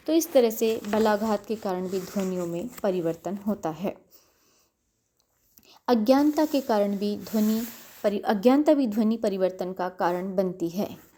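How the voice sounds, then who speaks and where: A middle-aged woman lecturing to university students in a calm, measured way. Her voice is mellow and warm, and she repeats words slowly to show how they are pronounced. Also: medium pitch. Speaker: college lecturer.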